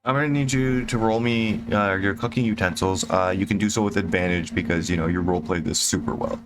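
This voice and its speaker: A man running a tabletop game as game master, narrating in a relaxed, conversational way. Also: sits low, fairly quick. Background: background music.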